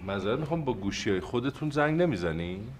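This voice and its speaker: An actor playing an overly polite schemer who speaks in ornate, deferential phrases in a TV comedy. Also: male voice, medium pitch, expressive, slight background noise, natural voice. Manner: ornately formal and deferential, sly. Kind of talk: TV comedy acting.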